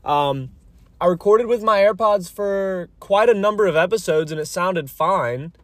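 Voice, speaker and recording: A man's voice: sits high, unhurried, dry recording. Casual man podcasting from a car in rain. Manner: rambling, informal, mildly profane. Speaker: podcast host. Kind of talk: casual solo podcast chat. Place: inside a parked car on a rainy day. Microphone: phone microphone. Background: rain hitting the car roof.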